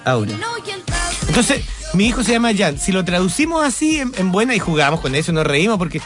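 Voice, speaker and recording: A man's voice: high-pitched, very animated, fairly quick, over music. A man with a Chilean accent co-hosting a radio show in casual chat, joking and rambling and laughing at himself. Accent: Chilean Spanish. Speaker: radio co-host. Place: radio studio.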